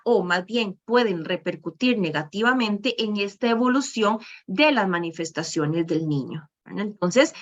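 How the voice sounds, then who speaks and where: A woman gives a presentation to professionals on child behavior, checking in often with "¿verdad?" and pausing on fillers. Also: medium pitch, a bit bright. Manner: frequent "¿verdad?" tags and fillers. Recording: muffled lo-fi recording.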